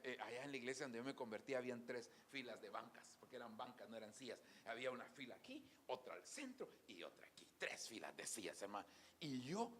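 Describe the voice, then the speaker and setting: A man preaching a sermon in a church, telling stories and swinging from soft asides to loud exclamations. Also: medium pitch, a little hiss or hum. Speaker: pastor.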